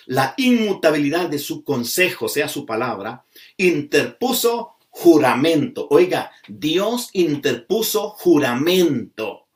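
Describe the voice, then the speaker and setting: A man preaching a sermon, slow and emphatic, stretching out key words as he drives a point home. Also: a little high. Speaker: pastor. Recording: voice from a distance off the mic.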